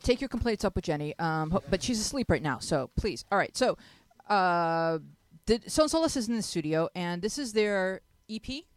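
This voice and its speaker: A woman's voice: medium pitch, no room sound. Middle-aged woman, talk-show host, playful banter, handheld mic, small studio. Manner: playful, chatty, jokey. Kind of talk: casual talk-show hosting. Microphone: handheld mic, headphones on.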